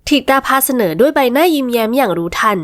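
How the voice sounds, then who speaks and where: A woman narrating a romance novel in smooth, scripted storytelling. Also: high voice, lively intonation, fast talker, no room sound, clean studio sound. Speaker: audiobook narrator.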